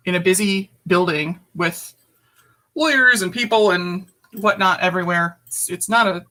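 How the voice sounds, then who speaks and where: A woman's voice: fairly low pitch, fairly bright tone. Blunt, emphatic woman guest. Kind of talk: personal storytelling in conversation.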